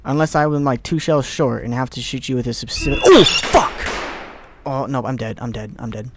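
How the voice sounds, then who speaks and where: A young man giving casual let's play commentary on a horror game, excitable, muttering to himself and swearing. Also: mid-range voice, fast talker, very noisy.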